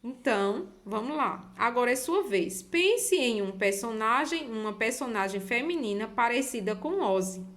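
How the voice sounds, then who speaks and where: Patient woman teacher, higher voice. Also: lively intonation, normal speed, hardly any pauses. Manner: patient, repeats and stretches words for young pupils. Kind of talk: explaining a textbook exercise to children.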